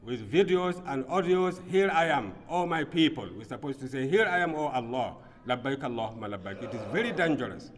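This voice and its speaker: A man from Burkina Faso delivers a Friday sermon in an earnest preaching voice of middling pitch. His delivery drops low and quiet, then rises into emphatic bursts. The long reverb of a large mosque hall trails behind each phrase. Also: expressive, brisk, few pauses. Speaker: imam.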